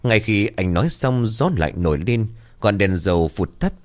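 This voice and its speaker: A man narrating a ghost story in a slow, atmospheric storytelling manner. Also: lowish voice, animated.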